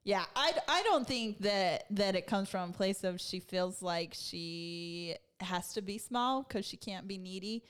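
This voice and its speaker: A woman's voice: mid-range voice, animated, measured pace, few pauses, fairly bright tone, smooth. A woman speaking thoughtfully and agreeably in a casual group conversation.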